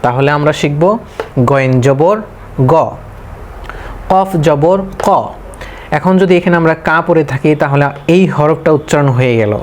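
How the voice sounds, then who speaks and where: A man with a Bangladeshi Bengali accent, his voice pitched a little high, teaches Quran pronunciation. He drills each letter slowly and patiently, repeating the same patterns again and again. A faint hiss runs under the recording. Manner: slow, drilling letter by letter with repetition. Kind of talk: tajweed lesson.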